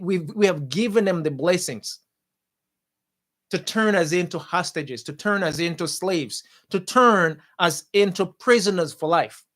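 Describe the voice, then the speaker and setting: A man hosting a talk show, giving impassioned political commentary in a forceful, repetitive way and calling his viewers guys. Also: a little high. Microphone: studio mic.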